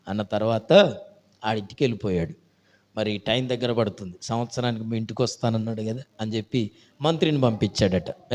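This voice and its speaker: A male pastor with a Telugu accent telling a story in a lively sermon, calling out hallelujahs and questions to his congregation. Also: mid-range voice.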